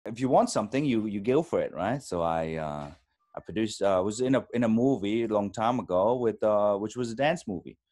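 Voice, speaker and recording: A man from Germany in his thirties, a native German speaker giving a thoughtful, halting interview with many fillers over a video call. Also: lowish voice, expressive, darkish tone. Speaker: actor guest.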